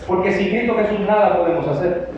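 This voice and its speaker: High-voiced pastor preaching in an echoey hall. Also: male voice, a little fast, darkish tone. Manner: emphatic, with rhetorical questions to the congregation. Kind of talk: preaching a sermon. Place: church hall. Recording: very echoey hall, distant, dull sound with faint noise.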